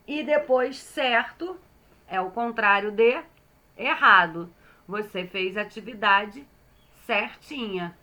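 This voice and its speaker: Patiently guiding young children through phonics, a woman teacher at a primary school sounds out each syllable slowly and repeatedly asks "certo?" She has a Brazilian Portuguese accent and a medium-pitched voice that comes across pushed and bright.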